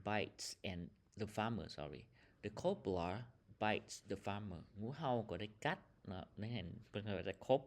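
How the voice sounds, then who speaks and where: A male teacher works through an English lesson. His voice sits fairly low and he speaks very slowly, repeating each English phrase before translating it. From Laos. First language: Lao.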